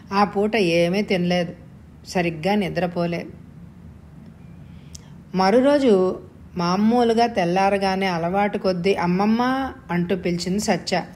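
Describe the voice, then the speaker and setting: A woman reading a story aloud as narrator in a steady, measured way. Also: on the low side, a little hiss or hum. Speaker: story reader.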